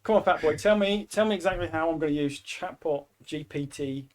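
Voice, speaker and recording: A man's voice: fairly high pitch, fairly quick, darkish tone. A man co-hosting a casual podcast, teasing his co-host with mock-dramatic build-ups and free swearing. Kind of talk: casual banter.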